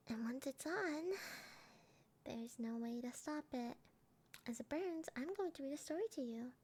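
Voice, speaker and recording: Yandere lover played by a woman for ASMR role-play: high, unhurried, breathy delivery, cooing sweetly with eerie, sadistic obsession. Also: warm tone, full character voice. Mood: proud, devoted.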